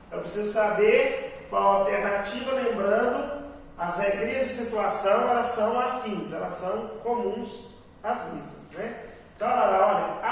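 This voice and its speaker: A man with a high-pitched voice, vocal fry, and a Brazilian Portuguese accent teaches grammar in an online class, explaining patiently and often checking in with his students. The room is very echoey, he sits far from the mic, and there's a faint hiss.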